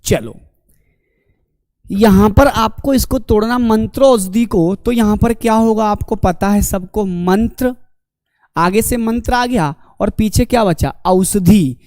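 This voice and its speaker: A man's voice: high voice, takes it slowly, a little mellow, no room sound, studio quality. A man teaching an online exam-prep lecture, asking the class questions and answering them himself, calling the students his dear companions.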